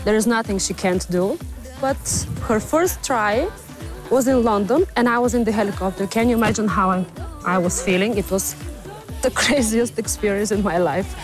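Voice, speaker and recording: A woman's voice: medium pitch, moderate pace. Woman, English, storytelling, garden interview, lapel mic, music behind. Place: outdoor garden. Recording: music underneath.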